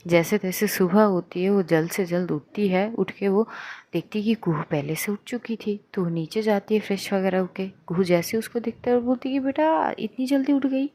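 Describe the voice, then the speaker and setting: A woman's voice: medium pitch, normal speed, darkish tone. Lady telling a love story, chatty and loose, lots of fillers. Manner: conversational, loose, filler-heavy retelling. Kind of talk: casual story narration.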